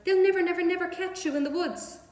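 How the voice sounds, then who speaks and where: A woman voicing a bossy, frantic female farm goose in a storybook, shouting urgent, repeated commands. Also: very high voice, fairly even intonation, fast talker, reverberant, big-room sound, pitched above the performer's own voice. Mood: frantic, hollering.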